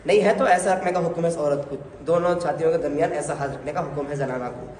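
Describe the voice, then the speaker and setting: In an echoey hall with faint noise, a man with a slightly high, somewhat mellow voice talks fast. He is a religious teacher walking a group of learners through the steps of prayer, correcting and encouraging them along the way.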